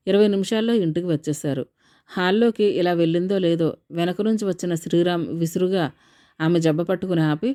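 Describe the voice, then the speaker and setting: A woman narrator reading a novel aloud in a measured storytelling manner. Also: fairly low pitch, dark tone. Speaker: audiobook narrator.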